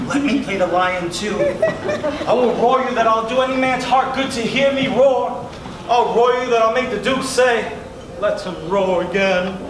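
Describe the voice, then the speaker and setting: A man's voice: extremely high pitch, moderate pace. A man performing a vain, overeager weaver who fancies himself an actor, declaiming pompously in a Shakespearean stage comedy. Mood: eager, boastful. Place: indoor theatre stage, recorded from afar. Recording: echoey stage hall, distant mic, loud noise.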